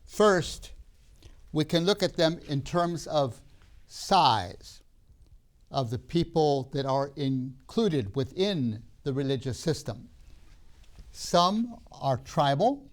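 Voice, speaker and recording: An older male lecturer from Tanzania teaches a recorded seminary class. His voice sits a little high for a man, and he talks in slow, measured phrases, leaning on key words and pausing with "uh"s and restarts. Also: expressive. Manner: measured, emphatic pauses with fillers and restarts.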